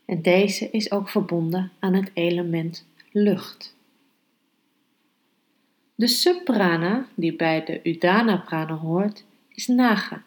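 Slow-paced woman teaching yoga and meditation. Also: on the low side, low-quality recording. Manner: slow, measured, unhurried delivery with pauses. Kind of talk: calm instructional podcast and guided meditation.

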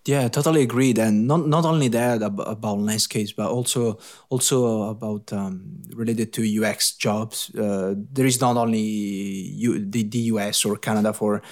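A man's voice: lowish voice, steady tone, moderate pace, hardly any pauses. Enthusiastic Italian-accented male host. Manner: enthusiastic, hesitant with many fillers and restarts. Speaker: podcast host. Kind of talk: casual interview chat.

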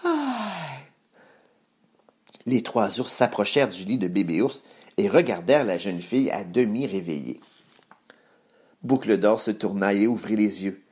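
A man reading a children's story aloud in a measured, expressive way. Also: on the low side.

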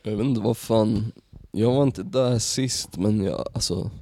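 A man's voice: on the low side, vocal fry, mellow. A man co-hosting a casual podcast, talking bluntly and swearing freely. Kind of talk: casual chat.

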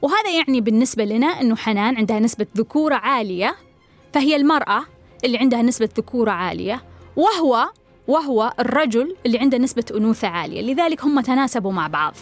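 A woman's voice: a little high, expressive, fast talker, faint music behind. A woman giving relationship advice, blunt and direct, firing repeated pointed questions.

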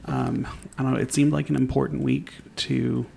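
A man's voice: medium pitch, flat delivery, normal speed, creaky, warm tone, slight background noise. A young man co-hosting a home podcast, chatting in an easygoing, rambling way with plenty of restarts. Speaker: podcast co-host. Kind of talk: casual chat. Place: home at night.

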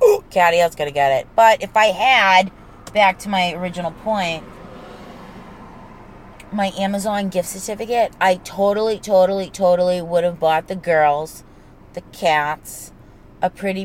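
A woman's voice: fairly low pitch, a little hiss or hum, rough recording. A woman with a New England accent who drops the G at word endings, rambling casually as a solo podcast host in a sweary, self-mocking way. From New England, United States.

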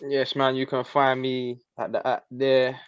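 A man chats casually in a London roadman accent, full of street slang and loose phrasing. His pitch sits in the middle, and the dry recording is a little dull and muffled. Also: completely flat delivery, a little slow, smooth, no echo. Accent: London, urban street. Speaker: guest on a football fan livestream.

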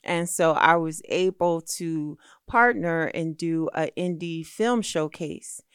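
A middle-aged woman, a magazine founder being interviewed, telling her story in a lively, expressive way. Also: deep voice, slow pace, clean tone, no echo, studio quality. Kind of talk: animated storytelling in a conversational interview.

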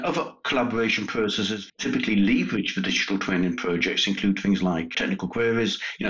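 A man speaking as an industry guest on a podcast, explaining in a measured way. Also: fairly low pitch, a bit bright, lo-fi sound. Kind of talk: podcast discussion.

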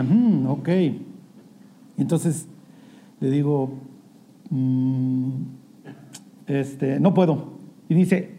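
A man with a Mexican Spanish accent preaching in a conversational style, telling a personal story, often clearing his throat and poking fun at himself. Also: fairly high pitch, mellow, slight background noise. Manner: chatty storytelling with throat clearing and self-deprecating humor.

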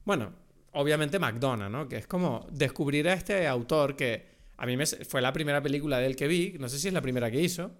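A man's voice: mid-range voice, expressive, brisk. A man with a Venezuelan accent, co-hosting a podcast and chatting about films in long, rambling turns. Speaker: podcast co-host. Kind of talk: casual film chat.

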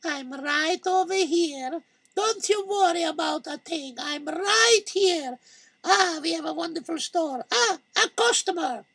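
Fussy female shopkeeper, very high and shrill, played by a man; sharp, dry, close. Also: expressive, a little slow, creaky, dry recording, exaggerated voice. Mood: cheerful. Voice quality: very high and thin. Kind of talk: storytelling with acted voices.

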